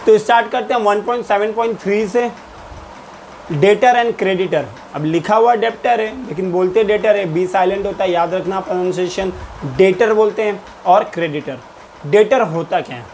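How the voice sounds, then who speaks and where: High-voiced teacher explaining accounts. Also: male voice, normal speed, darkish tone, a little hiss or hum. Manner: explains in Hindi mixed with English terms, repeats and quizzes. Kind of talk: recorded lecture.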